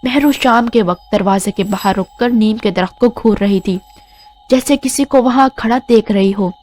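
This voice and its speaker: A woman narrating a scripted horror story in a measured, suspenseful way. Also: a little high, darkish tone. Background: music.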